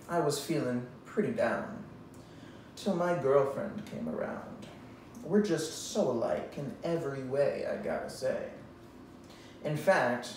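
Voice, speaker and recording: A young man giving a mock-serious dramatic reading, with the hammy, theatrical pauses of a stage actor. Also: medium pitch, a little mellow. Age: young adult. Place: indoors in a bare, echoey room. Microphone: distant camera microphone. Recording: very echoey room, far microphone, faint noise.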